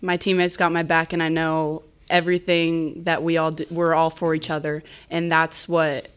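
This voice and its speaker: A young freshman softball player answers questions at a press conference. Her voice sits low and stays level, with little rise or fall. She speaks in a soft-spoken, modest way, and her tone is smooth. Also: completely flat delivery, normal speed. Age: young adult. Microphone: table mic.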